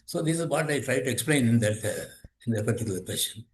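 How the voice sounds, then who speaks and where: A man's voice: mid-range voice, expressive, quick pace, echoey room. A man in his eighties, a guest explaining philosophy in conversation, thoughtful and often restarting and repeating his phrases. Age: 80s. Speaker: guest, yoga teacher and author.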